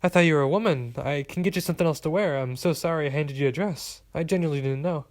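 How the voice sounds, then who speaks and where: A man voicing a kind, cheerful young woman in an audiobook, raised a few notes above his own gravelly voice. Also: fairly high pitch, lively intonation, fairly quick. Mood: flustered.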